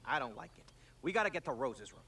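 A man's voice: mid-range voice, big pitch swings, quick pace, creaky, pushed and bright, recorded from a distance, heavily acted. An actor voicing an anxious, cautious man in doll form in a video game, sounding wary and hesitant. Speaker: game character.

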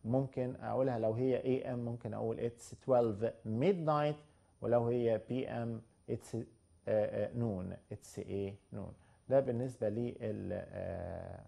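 A man with an Egyptian Arabic accent teaching English to beginners, drawing out his English examples slowly and giving quick explanations in between. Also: medium pitch, vocal fry, mellow.

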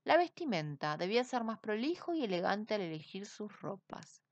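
A woman reading a children's storybook aloud in an expressive, unhurried way. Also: mid-range voice, dry recording, dull audio. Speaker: reader.

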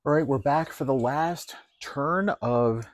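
A man calmly explaining how he marinates and grills chicken, step by step with plenty of fillers. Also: mid-range voice, takes it slowly. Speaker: home cook. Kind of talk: casual cooking demonstration. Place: outdoors at a grill.

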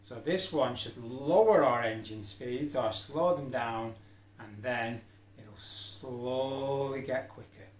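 A middle-aged special-needs teacher at a wooden table indoors leads a children's exercise video, giving simple, encouraging step-by-step instructions in a slow, medium-pitched voice. The camera sits a few feet away, the room echoes, music plays behind him, and there's a little hiss or hum.

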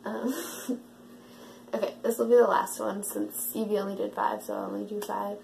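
Rambling young woman vlogger, gravelly voice. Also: medium pitch, little pitch movement, moderate pace, darkish tone, slight background noise, poor audio. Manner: rambling, filler-heavy, self-mocking. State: out of breath. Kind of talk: casual chat to camera.

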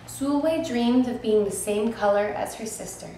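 Woman teacher, gentle storybook read-aloud, talks to the kids; very echoey room, faint hiss. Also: on the high side, a little slow. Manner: gentle, expressive, asks listeners questions. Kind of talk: children's picture book read-aloud.

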